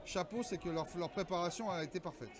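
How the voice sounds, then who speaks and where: A man's voice: high-pitched, fast talker. A man giving emphatic, opinionated live football analysis, often repeating his phrases. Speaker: football co-commentator. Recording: loud stadium crowd behind, outdoors. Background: loud crowd.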